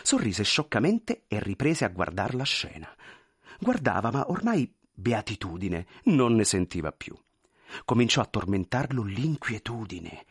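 Husky, expressive male storyteller. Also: on the low side, measured pace, dry recording, clean studio sound. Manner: expressive, theatrical. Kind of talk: scripted narration.

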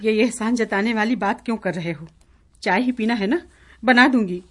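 A woman's voice: on the high side, moderate pace, close to an everyday voice. An actress playing a wife who mourns her belongings lost in a flood, in a radio play. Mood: aggrieved. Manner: complaining, sulky. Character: grieving, complaining young wife. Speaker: radio drama actor.

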